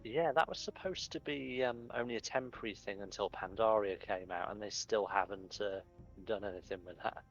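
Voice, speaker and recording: A man's voice: fairly low pitch, a little fast, highs cut off, soft background music. A man chatting on a stream with a friend, making dry teasing remarks. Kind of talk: casual chat.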